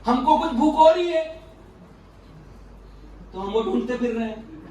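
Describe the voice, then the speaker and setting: A man with a very high voice gives a lively motivational talk and cracks jokes at his listeners. He is heard from a distance in a very echoey hall with faint noise behind him. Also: measured pace. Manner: joking, asks the audience questions. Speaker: speaker at a youth leadership session. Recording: roomy echoey hall from far off.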